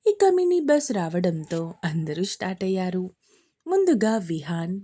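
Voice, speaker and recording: A woman narrating a romance story episode in a steady storytelling manner. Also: medium pitch.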